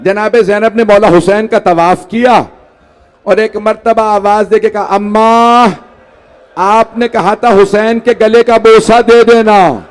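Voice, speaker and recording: A man's voice: high voice, fairly even intonation, slow. A man preaching a mourning sermon, pleading with his listeners and rising into a wailing lament. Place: large hall.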